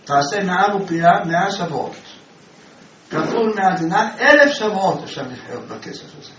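A man's voice: sits high, lively intonation, pushed and bright, a little hiss or hum. A man teaching a religious class as a rabbi, telling a story and asking his listeners questions. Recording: echoey room, distant mic, dull sound.

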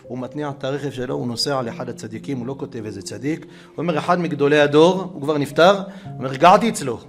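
A man with a gravelly, creaky voice tells a dramatic story. He acts out every quote, sinking to hushed whispers and then rising loud. Clear guitar music plays under his voice. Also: medium pitch.

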